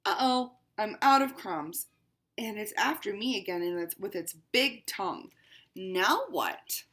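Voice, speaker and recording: Her voice mid-range and a bit bright, a woman reads a picture book aloud as a pampered, haughty house cat. The delivery is dramatic and full of exclamations, unhurried, with lively intonation and a fussy, female-ish narrator's air.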